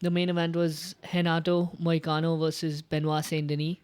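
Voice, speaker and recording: A man hosting a casual sports podcast, talking excitedly and swearing freely as he recaps a fight. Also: a little high, moderate pace, clear, resonant tone. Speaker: podcast host.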